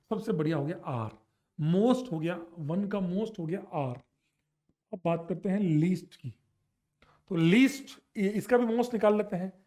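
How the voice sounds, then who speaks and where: A young man with a high-pitched voice teaches chemistry in an online lecture. He talks in a lively, teasing way and drops English terms in as he goes. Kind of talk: online exam-prep lecture.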